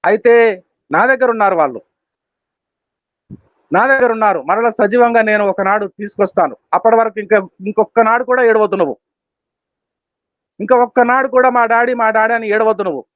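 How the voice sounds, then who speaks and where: A man's voice: high voice, brisk, pauses often, a bit bright, dry recording. A man voicing God as a stern father, scolding with repeated commands. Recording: dull, dry lo-fi recording.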